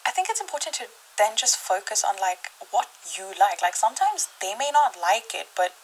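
A young woman co-hosting a podcast, chatting in an animated, giggly, self-conscious way. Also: mid-range voice, a little fast, low-quality recording. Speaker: podcast co-host. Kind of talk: casual chat.

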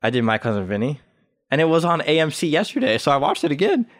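A man talking as a guest on a podcast in casual chat, earnest and hesitant, full of pauses and restarts. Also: fairly high pitch, wildly swooping pitch, no echo, clean studio sound.

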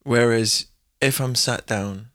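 A man, a musician guest talking in a relaxed, rambling way with many pauses and fillers. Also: medium pitch, dry recording, clean studio sound. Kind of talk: casual interview talk.

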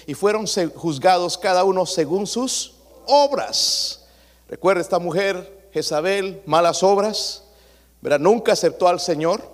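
A male pastor preaching a sermon to his congregation, swinging between loud emphatic passages and quiet asides. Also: a little high. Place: church sanctuary. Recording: long hall reverb.

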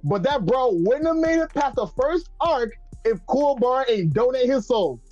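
A man co-hosting a podcast in casual chat, animated and joking, with lots of fillers. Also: very high voice, moderate pace, no echo, faint music behind. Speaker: podcast co-host. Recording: muffled dry recording.

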